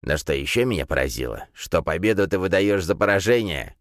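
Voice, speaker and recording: A man voicing a creaky, cackling old sorcerer. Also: deep voice, lively intonation, a little fast, dry recording, clean studio sound. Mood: mocking. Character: sly hunched old male sorcerer, mocking.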